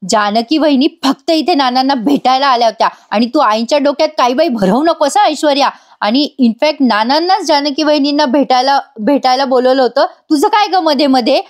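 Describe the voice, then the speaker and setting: A woman's voice: sits high, brisk, lightly acted. A woman voicing a fiery young sister-in-law who defends herself heatedly. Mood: angry defiant. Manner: heated, defiant.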